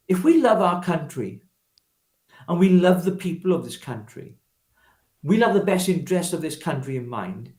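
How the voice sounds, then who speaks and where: In a reverberant recording, a slightly high, somewhat mellow male voice belongs to a former parliamentary candidate from Wales turned political activist. Guesting on a political interview, he talks off the cuff with oratorical emphasis, repeating himself and posing rhetorical questions.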